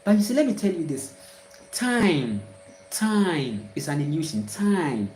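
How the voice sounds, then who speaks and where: A woman's voice: deep voice, sing-song, a little slow, a little mellow, echoey room, slight background noise, rough recording. A woman with a Ghanaian accent giving a rambling spiritual monologue, repeating herself and dropping in emphatic exclamations. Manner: repetitive, emphatic, full of exclamations. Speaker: spiritual speaker.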